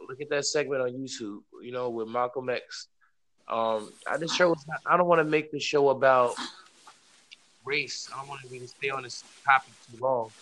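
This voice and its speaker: A man's voice: mid-range voice, normal speed, pushed and bright. A man hosting a casual podcast, speaking loosely and repetitively and addressing listeners directly. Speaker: podcast host. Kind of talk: casual chat.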